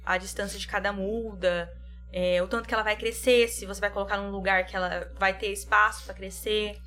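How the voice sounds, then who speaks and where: A young woman in a casual chat, calmly explaining things. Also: mid-range voice, a little fast.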